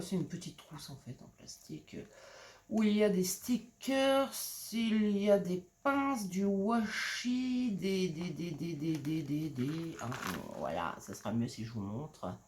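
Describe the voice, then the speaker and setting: A woman's voice: medium pitch, a little mellow, slight background noise. A middle-aged woman from France casually showing off a craft-supply haul, hesitating with many fillers and repeated words as she handles each item. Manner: hesitant, full of "euh" and repeated words while showing items. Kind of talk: casual show-and-tell haul chat. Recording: clear crinkling of packaging and clicks.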